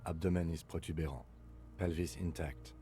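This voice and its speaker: An actor playing a calm, precise police lieutenant who speaks in a dry, clinical, measured way. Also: male voice, sits low, slight background noise, close to an everyday voice.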